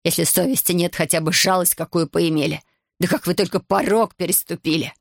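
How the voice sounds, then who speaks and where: A bitter, reproachful mother who scolds in sharp, cold words, as an audiobook narrator puts her on. Her voice sits close to the reader's own and sounds dry and near. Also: mid-range voice, fairly even intonation, a little fast, creaky, no echo, lightly acted.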